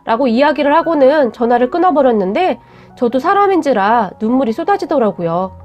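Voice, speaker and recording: A young woman narrating a first-person story in a plain, steady way. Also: high voice, a little fast, lo-fi sound. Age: young adult. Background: faint music.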